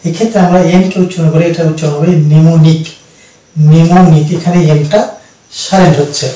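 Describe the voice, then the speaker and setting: Man, Bengali first language, English teacher, slow step-by-step explaining, echoey room, far from the mic. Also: fairly high pitch, darkish tone. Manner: slow, step-by-step explaining with many pauses and repetitions. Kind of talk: explaining English pronunciation rules.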